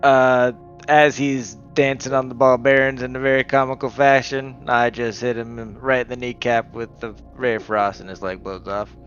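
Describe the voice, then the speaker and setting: A man with a mid-pitched voice describes his turn at a tabletop game in a low-key, understated way. The recording sounds somewhat dull. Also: little pitch movement, moderate pace, a bit bright, soft background music. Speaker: player.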